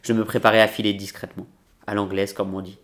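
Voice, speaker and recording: A man reads a novel passage aloud in a steady, measured way. His voice sits low and stays flat, with little rise or fall. The delivery is controlled and literary.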